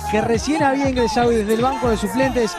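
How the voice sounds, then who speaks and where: A Uruguayan man recaps football plays in an excited, very high voice. He rattles quickly through long, loud sentences over music and crowd noise. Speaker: football commentator. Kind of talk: excited replay commentary. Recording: music and crowd behind broadcast.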